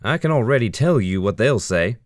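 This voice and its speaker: A man voicing a blunt, sarcastic young female army lieutenant in an audiobook, his voice pitched up and louder than his narration. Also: expressive, brisk, no echo, studio quality, natural voice.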